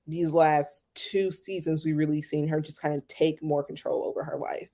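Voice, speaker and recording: Low-voiced woman chatting casually. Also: fairly even intonation, normal speed, dark tone. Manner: chatty, many fillers like "like" and "um". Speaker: podcast co-host. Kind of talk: casual chat.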